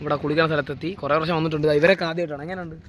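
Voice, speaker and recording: A man's voice: fairly high pitch, flat delivery, very fast. A young man chatting casually to camera as a travel vlogger, mixing English words into Malayalam. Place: outdoors and on the road. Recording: noisy outdoor phone audio, vehicle sounds.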